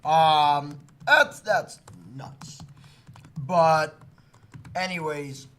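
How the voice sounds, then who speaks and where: A man's voice: fairly high pitch, very slow, fairly bright tone. A man co-hosting a baseball fan livestream, rambling with lots of fillers. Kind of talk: casual fan chat.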